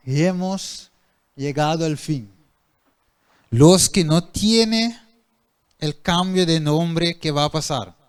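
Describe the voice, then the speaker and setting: A male preacher giving a sermon who keeps asking the congregation questions and then answering them himself. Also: on the high side.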